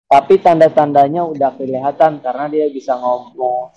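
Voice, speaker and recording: Steady and mid-range at a moderate pace, this young podcast co-host reasons through a theory one step at a time in casual chat, restarting often and using lots of fillers. The recording is dull lo-fi podcast audio.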